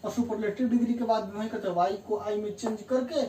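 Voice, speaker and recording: A woman's voice: mid-range voice, fairly even intonation, a little fast, mellow. A woman teaching an English grammar lesson, explaining rules step by step, repeating key terms and often checking that the class is following. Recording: distant roomy mic with faint room hum.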